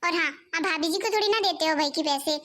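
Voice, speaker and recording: A woman's voice: very high voice, quick pace, bright, forceful tone. A woman voicing an outspoken young sister-in-law. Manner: persuasive, pressing her point.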